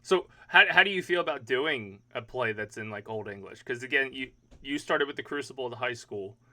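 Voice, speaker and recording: A man's voice: medium pitch, lively intonation, a little fast, sharp tone. A young man hosting a podcast, chatting casually, cursing now and then and trailing off mid-question. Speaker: podcast host.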